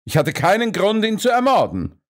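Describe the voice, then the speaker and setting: Man acting a huffy restaurant owner, loud protests, high lively voice, audiobook. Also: normal speed. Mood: protesting. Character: indignant male restaurant owner, blustering fraud. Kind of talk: audiobook character reading.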